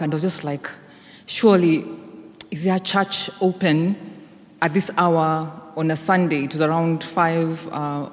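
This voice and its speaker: A woman with a Kenyan accent giving an informal personal testimony to a congregation. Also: low voice. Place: large indoor church or hall. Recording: echoey hall with long reverb.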